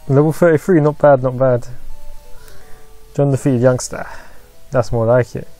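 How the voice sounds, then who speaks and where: A man's voice: mid-range voice, steady tone, moderate pace, dark tone, dry recording, soft background music. A man hosting a let's play, giving casual commentary and reading game text aloud with wry remarks.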